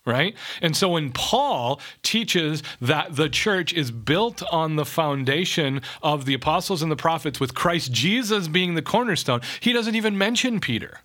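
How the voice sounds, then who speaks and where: A man's voice: a little high, lively intonation, unhurried, hardly any pauses, a bit bright. A man co-hosting a casual podcast, explaining scripture with quoted verses and self-mocking humor. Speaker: podcast co-host. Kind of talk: casual theological discussion.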